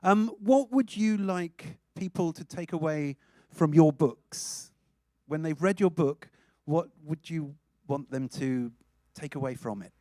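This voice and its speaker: A host leads a question session with a visiting author. The questions come steady and plain, often opening with "um". The talk takes place in a room before an audience. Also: mid-range voice, a little slow. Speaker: event host and interviewer.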